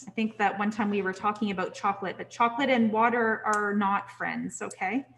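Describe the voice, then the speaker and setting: A young woman teaching a cooking class in a kitchen, relaxed and chatty, checking in with "okay?" as she goes. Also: mid-range voice, a little fast, creaky. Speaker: cooking instructor. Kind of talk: live online cooking class.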